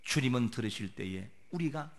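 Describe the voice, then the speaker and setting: A man preaching a sermon as a pastor, asking rhetorical questions and moving between soft and loud delivery. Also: mid-range voice, lively intonation, a little fast.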